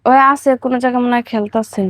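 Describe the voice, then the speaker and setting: A woman's voice: on the high side, fairly even intonation, racing, no room sound, natural voice. A woman playing an evasive village mother. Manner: evasive, defensive. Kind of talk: amateur short film drama.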